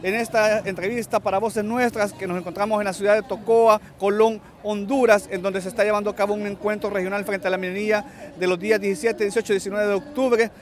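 Brisk high-voiced male field reporter. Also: steady tone. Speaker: radio reporter. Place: outdoors at a street march.

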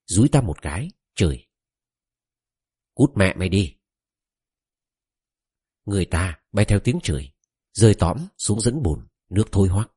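A man narrates a novel in the first person with a deep, dark voice. His pitch swings widely as he tells the story, and he voices each quoted character in turn. The sound is dry and close, with no room around it. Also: husky, no echo. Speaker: audiobook narrator.

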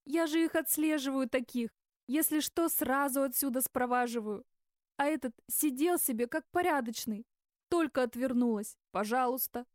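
A woman's voice: moderate pace, a little mellow, no echo, lightly acted. A woman voicing a young female bartender, desperate and close to sobbing. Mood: distraught. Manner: high, sobbing, exclaiming.

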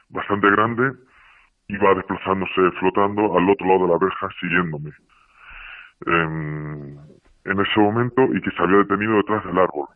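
Man, disguised through a voice changer: very deep, tinny and narrow, dry and close, halting delivery. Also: no echo. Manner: hesitant, halting, many fillers. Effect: voice distorted to hide identity. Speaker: guest witness. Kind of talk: telling his own story on radio. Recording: narrow tinny phone-like sound.

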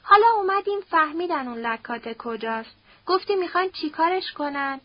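A woman voicing a coarse, greedy middle-aged man, once a neighborhood strongman, who talks in gruff street slang. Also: high-pitched, lively intonation, no echo. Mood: wary. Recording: dull dry audiobook recording.

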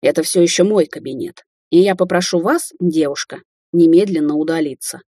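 A woman's voice: deep voice, fairly quick, warm tone, breathy edge, no room sound, studio quality. A woman reading an audiobook, voicing an arrogant man who speaks curtly and scornfully. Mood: cold. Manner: sneering, curt.

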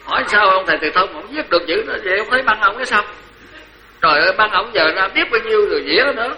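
This senior Buddhist monk, an older man with a Southern Vietnamese accent, speaks fast and high-pitched in a joking, lively dharma talk where he repeats phrases to stress them. The sound is lo-fi, with slight background noise.

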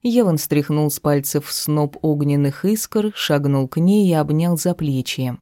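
Mellow, measured audiobook narration. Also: medium pitch, dry recording, studio quality. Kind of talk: scripted narration of a romance fantasy novel.

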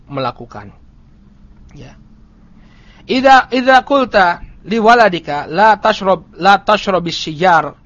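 A man with a notably high voice teaches a religious study class. He chants Arabic text, then explains it plainly, dropping in short "ya" asides. The audio is dull and lo-fi. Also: a bit bright. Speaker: Islamic teacher.

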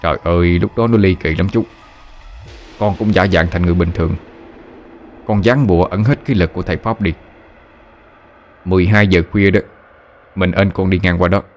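Brief: sly joking exorcist, low voice, playful; a man plays him. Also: steady tone, moderate pace, pauses often, close to an everyday voice. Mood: teasing. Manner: teasing, playfully mock-innocent.

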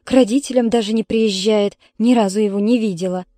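A woman's voice: mid-range voice, a little fast, dark tone, no echo, close to an everyday voice. A woman reading as a grumpy, complaining middle-aged mother who scolds her neighbors and children. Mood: grumbling. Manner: complaining, strict.

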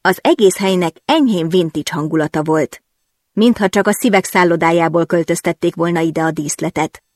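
A woman's voice: fairly low pitch, no room sound. Woman reading a novel aloud, dry sound. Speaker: audiobook narrator. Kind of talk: first-person novel reading.

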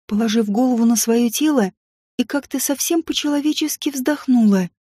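A woman reads a story aloud in a calm, even narrating manner. Her voice sits high, with a husky, mellow grain. The recording is close-miked and dry. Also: no echo.

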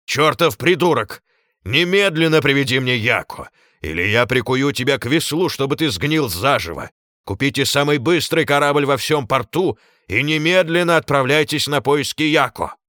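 A man's voice: lowish voice, bright, forceful tone, no echo, clean studio sound. A man reading an audiobook and voicing a feverish, self-pitying, tyrannical fat lord who raves between grief and fury. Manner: raving, swinging from pleading to screaming.

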